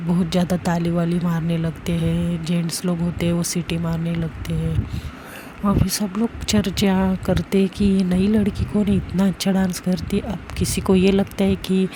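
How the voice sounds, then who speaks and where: A woman narrating a love story in a relaxed, rambling way with fillers. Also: fairly low pitch, background noise. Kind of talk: casual spoken story narration.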